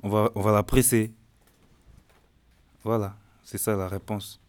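Man in a group discussion, lowish voice, earnest. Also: flat delivery, unhurried, darkish tone. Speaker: discussion participant.

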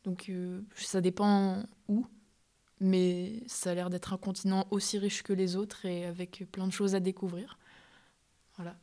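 A woman's voice: mid-range voice, flat delivery, unhurried, warm tone. A woman answering interview questions reflectively, with some hesitation.

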